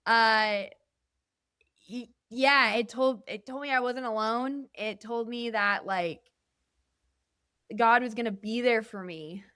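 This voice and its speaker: Smooth-voiced young woman, candid and rambling. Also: fairly high pitch, slow pace, pauses often, bright, forceful tone, no echo, studio quality. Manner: candid and earnest, rambling with many fillers. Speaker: guest musician. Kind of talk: casual podcast interview. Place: indoor podcast studio.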